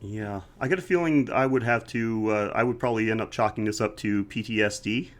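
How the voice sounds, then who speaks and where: Talking a bit quickly in a lowish voice, this podcast co-host sounds congested and slightly scratchy as he goes on at length. His manner is laid-back and chatty, and he reviews with prepared facts.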